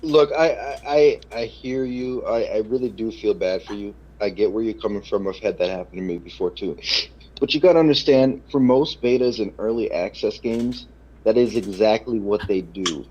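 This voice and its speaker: A man's voice: lowish voice, moderate pace, warm tone, dull audio. A man co-hosting a casual gaming podcast who gets fired up, swears freely and fills his talk with "you know". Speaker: podcast co-host.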